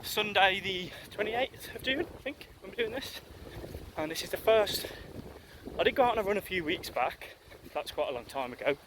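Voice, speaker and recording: A man's voice: high voice, expressive, normal speed. A man in his early twenties chats casually to his viewers while jogging outdoors, slightly out of breath. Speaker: vlogger and streamer. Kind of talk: casual chat to camera. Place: outdoors, on a run. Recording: outdoor ambient noise.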